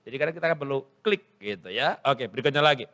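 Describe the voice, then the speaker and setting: A middle-aged male pastor preaching a humorous sermon, telling lively stories and acting out dialogue at a church service. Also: mid-range voice, fast. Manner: lively storytelling, acts out dialogue.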